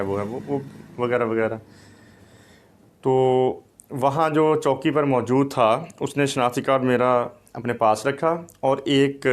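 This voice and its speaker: A man giving a recorded lecture, explaining slowly and deliberately and telling a small anecdote to make his point. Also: medium pitch, clean tone. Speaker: teacher.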